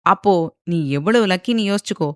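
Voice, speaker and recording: A woman's voice: medium pitch, lively intonation, brisk, no room sound, studio quality, close to an everyday voice. Woman doing a cocky, taunting male film star. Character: arrogant male film star, mocking and forceful.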